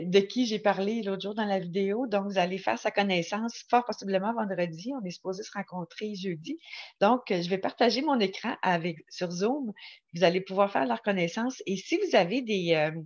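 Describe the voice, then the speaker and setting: A woman with a Quebec French accent talking casually to her viewers about spirituality, excited and rambling with many restarts. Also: medium pitch, highs cut off. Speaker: spiritual vlogger.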